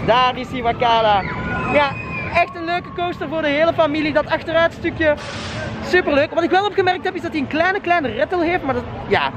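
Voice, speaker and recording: High-voiced man vlogging in a noisy park. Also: brisk. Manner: chatty, rates rides, addresses viewers directly. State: out of breath while climbing. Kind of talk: casual vlog talk to camera. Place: outdoors in a busy theme park. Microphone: handheld camera, at times a phone at arm's length. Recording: outdoor crowd noise, loud background. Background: crowd and ride noise.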